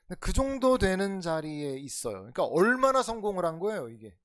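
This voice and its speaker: 교회에서 강해설교를 하는 남자 목사로, 청중에게 질문을 던지며 대화하듯 설교하고, 크게 강조하다가 낮게 속삭이듯 말하기를 오간다. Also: male voice, sing-song, a little fast. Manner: conversational preaching with rhetorical questions to the congregation; swings between loud emphatic lines and soft low asides. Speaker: pastor. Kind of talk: expository sermon.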